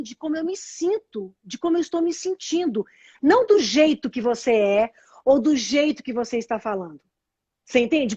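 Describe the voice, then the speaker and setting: A woman's voice: sits high, no room sound, highs cut off. A woman with a Brazilian Portuguese accent, hosting a casual live chat and earnestly explaining ideas while often restarting her phrases. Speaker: host explaining meditation and nonviolent communication.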